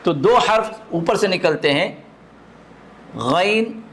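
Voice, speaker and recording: A man teaching a live recitation class to students, sounding out throat letters and asking often if the point is clear. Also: high-pitched, animated, fairly bright tone. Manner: demonstrates throat sounds, asks learners to confirm understanding. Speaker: religious teacher.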